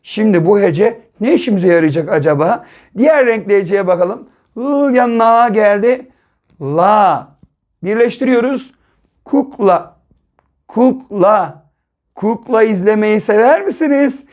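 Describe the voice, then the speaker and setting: A male primary school teacher giving a first-grade reading lesson, sounding out syllables slowly and asking the children questions. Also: sits high, lively intonation, darkish tone. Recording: dull lo-fi recording.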